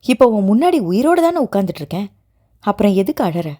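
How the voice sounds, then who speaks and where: A woman's voice: medium pitch, sing-song, fast, dark tone. A young wife in an audio novel who jokes and teases to cover her pain, her voice swinging up and down as she coaxes, as a woman reads her part. She sounds playful and tender by turns. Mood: coaxing. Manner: playful and teasing, turning tender. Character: teasing young woman, newly married, hiding hurt.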